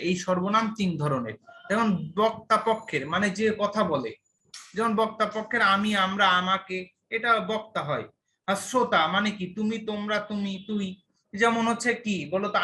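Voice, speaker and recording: A man's voice: high-pitched, sharp tone, a little hiss or hum. A young man, teaching an online class and checking understanding with repeated questions.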